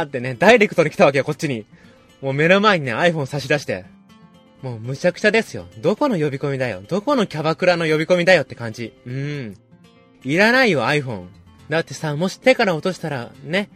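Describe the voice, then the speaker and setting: A man talks on his own in a loose, rambling way, joking his way through a story. His voice sits a little high and swings widely up and down. Faint music plays behind him. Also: a bit bright. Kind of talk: casual monologue.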